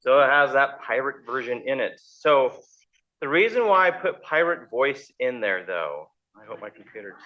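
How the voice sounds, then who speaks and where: A man's voice: mid-range voice, very animated, moderate pace, no room sound, highs cut off. A man giving a public college lecture in a room, talking conversationally and thinking aloud as he goes, speaking into a handheld mic. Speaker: math lecturer.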